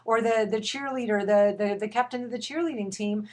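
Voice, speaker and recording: A woman's voice: fairly high pitch, a little fast, a little mellow. A middle-aged woman parent coach giving an impassioned, emphatic video rant, a bit out of breath, with some restarts.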